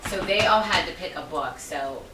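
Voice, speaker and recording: A woman with a low voice chats casually, her pitch moving in a lively way. She sounds set back from the mic in a roomy space, with clear background noise. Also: normal speed, recorded from a distance. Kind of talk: casual chat.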